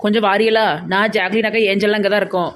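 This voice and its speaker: A woman's voice: medium pitch, level tone, racing, slight background noise. A woman with a Tirunelveli Tamil accent in a village comedy sketch, talking insistently and gossiping.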